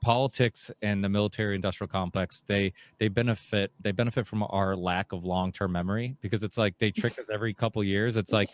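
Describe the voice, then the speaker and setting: A man in his thirties hosts a podcast from a small home studio, speaking into a boom mic with headphones on. His voice sits a little low and sounds very dry and close. He talks in an animated, rambling way and slips into mocking asides. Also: a little fast, hardly any pauses, dry recording. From Portugal. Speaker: podcast host. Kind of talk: casual interview chat. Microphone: headset and studio microphone on boom arm.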